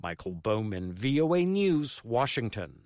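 A man's voice: medium pitch, big pitch swings, a little slow, noisy background. An American man narrating a scripted radio news report as a correspondent, in a formal news reader delivery.

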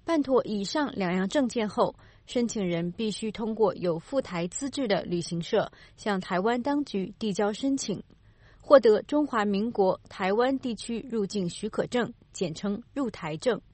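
Female news reporter, formal and measured, with a mid-range voice and a dry studio sound. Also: mid-range voice, lively intonation, a little mellow, no room sound. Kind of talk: scripted news narration.

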